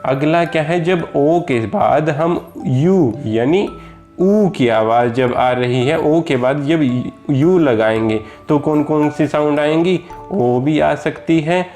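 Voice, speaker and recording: An Indian man teaches in an unhurried, deliberate way, saying each example word again and again and gently addressing his listeners as children. His voice sits a little high for a man, and faint instrumental music plays underneath. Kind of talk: slow explanatory lesson.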